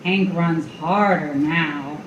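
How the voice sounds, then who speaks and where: A woman narrates a noir radio play as a stark female storyteller, urgent and dramatic in clipped, vivid phrases. Her voice is low and slow, and the lo-fi recording comes from an echoey live room with clear background noise.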